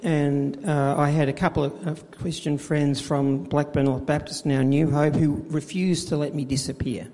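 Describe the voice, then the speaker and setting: A middle-aged man tells his story of faith in a halting way, with many fillers and restarts, recorded in a church with a long reverb. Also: a little high, little pitch movement, mellow. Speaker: church volunteer administrator. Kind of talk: personal faith testimony in interview.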